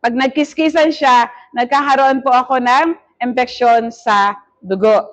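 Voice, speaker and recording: A middle-aged woman bishop preaching a testimony sermon, telling her story with lively acted-out quotes. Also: high voice, a little slow, muffled recording. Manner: animated storytelling that mixes Tagalog and English, with acted-out quotes.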